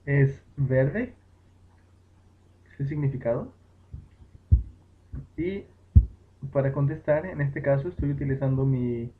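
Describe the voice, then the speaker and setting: A man patiently explaining grammar as a teacher, with fillers and self-corrections. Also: medium pitch. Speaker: English teacher. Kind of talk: home-made lesson explaining grammar. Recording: tinny phone-like recording with faint noise.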